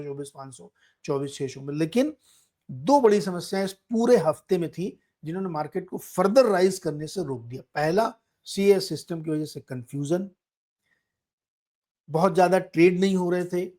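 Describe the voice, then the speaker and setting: A man's voice: on the high side, darkish tone. A man hosting a stock market show, giving daily market commentary in a conversational way and talking the viewer through the charts.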